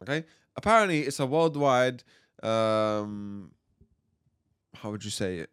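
A British man co-hosting a podcast, chatting casually and teasing with quick jokes. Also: fairly low pitch, fairly bright tone, smooth, no echo, clean studio sound. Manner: joking, teasing, quick to laugh. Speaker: podcast co-host. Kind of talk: casual chat.

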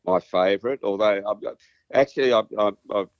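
A man's voice: on the low side, brisk. A man with an Australian accent chatting casually as a musician guest in an interview, hesitant, rambling and modest about himself. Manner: hesitant, rambling, self-deprecating. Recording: muffled, roomy sound.

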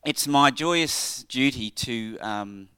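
An Australian man giving an informal church tribute in a halting, conversational way, often checking in with his listeners. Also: medium pitch, sharp tone, clear, resonant tone.

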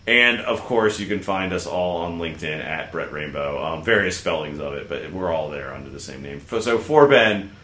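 Deep bright-voiced man, SoCal surfer accent, roomy. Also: lively intonation, normal speed, few pauses. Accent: Southern California surfer. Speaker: podcast host. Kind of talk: casual sports podcast chat.

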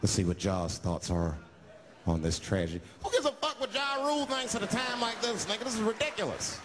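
A man's voice: sits high, huge pitch swings, fairly quick, a bit bright. A man in a comedy clip played on the show, mocking and incredulous.

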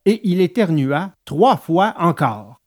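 A man narrating a storybook in an animated, expressive way. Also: sits high, slow pace. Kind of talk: storybook reading.

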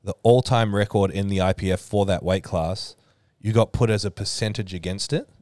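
In a clean studio recording free of echo, a man with a fairly low voice speaks at normal speed. He hosts a podcast and organises powerlifting, keeping the chat casual and relaxed while explaining at length with many fillers.

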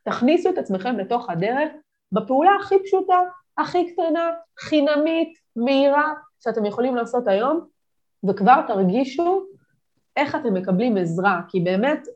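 A woman business coach speaking as a guest on a podcast, giving energetic motivational advice with lively emphasis. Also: sits high, lo-fi sound.

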